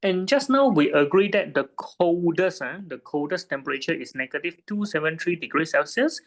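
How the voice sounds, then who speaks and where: A man's voice: a little high, lively intonation, moderate pace. A man tutoring a student one-on-one in physics, patiently checking her understanding with frequent tag questions.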